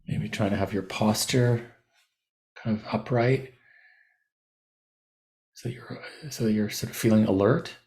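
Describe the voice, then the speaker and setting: A man teaching a guided body scan meditation gives gentle, unhurried instructions, pausing in the middle of phrases. His voice is lowish and his tone steady.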